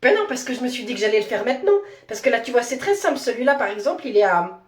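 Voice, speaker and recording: A woman's voice: fairly high pitch, big pitch swings, rapid-fire, reverberant. A woman playing a naive, clumsy new care-home aide who chats chirpily. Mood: chirpy.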